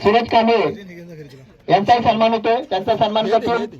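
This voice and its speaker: A man's voice: very high-pitched, level tone, lo-fi sound, a crowd in the background. A man from Konkan working as announcer at a village cricket prize ceremony, formally reading out names one by one. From Konkan, India. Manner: reads names one by one in a formal, measured listing.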